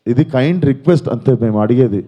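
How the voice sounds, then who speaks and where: A man's voice: medium pitch, expressive, fast talker, lo-fi sound. A man, making an earnest, pleading statement at a press conference and repeating his points. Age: 20s. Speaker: film actor at a press meet.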